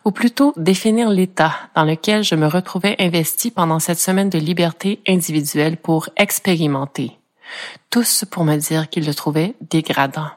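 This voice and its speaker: A middle-aged woman with a Franco-Ontarian French accent, reading a personal podcast narration in a measured, reflective way. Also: on the low side. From Ontario, Canada. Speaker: podcast host.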